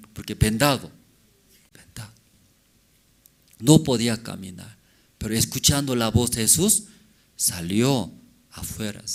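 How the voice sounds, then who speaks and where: A man preaching a sermon as pastor, in halting non-native Spanish with broken grammar, often asking the congregation questions. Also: medium pitch, a bit bright. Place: church service.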